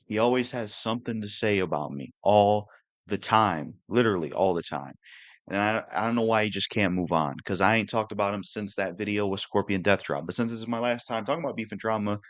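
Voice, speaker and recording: An earnest young man in his twenties talks straight to his viewers in a casual, looping monologue, dropping the occasional curse. His voice sits on the low side and sounds close and dry, with little room around it. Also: fairly quick, dry recording. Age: 20s. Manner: earnest, repetitive, occasionally cursing. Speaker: YouTuber.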